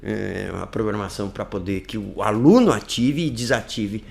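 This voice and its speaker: A man's voice: moderate pace, vocal fry. A man, tutoring an English course in a live online lesson, talking conversationally with frequent "né?" tags. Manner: lively, conversational, frequent "né?" tags, animated swings in pitch.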